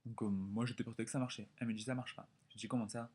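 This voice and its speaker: A young man in his twenties from France telling a story in a casual vlog, animated and chatty with lots of quoted dialogue. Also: medium pitch, racing, husky. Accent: French. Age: 20s. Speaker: vlogger.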